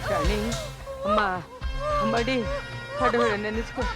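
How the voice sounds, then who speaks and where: Grandmother, elderly, tearful wailing, pleading, very high voice, loud music behind. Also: wildly swooping pitch, measured pace, vocal fry, heavily acted. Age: older. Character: frantic elderly grandmother praying at a labor. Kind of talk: Tamil TV serial acting. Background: loud dramatic music.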